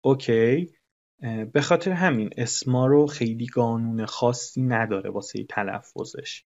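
A male English teacher walks through a lesson, explaining patiently and repeating phrases so they sink in. His voice sits at a middle pitch. The recording is dull and lo-fi. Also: a little mellow.

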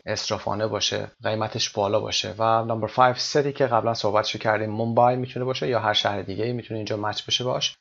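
A man teaching English exam reading, reading English phrases slowly and then explaining them. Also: fairly low pitch, creaky, a bit bright. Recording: dull lo-fi recording.

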